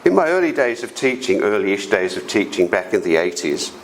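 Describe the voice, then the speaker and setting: Speaking fairly quickly in a fairly low voice, this South Australian conference speaker delivers a storytelling presentation full of personal anecdotes. He's middle-aged, with an Australian accent and a big voice, and he animatedly performs the voices of those he quotes. The conference hall recording is rough, with slight background noise.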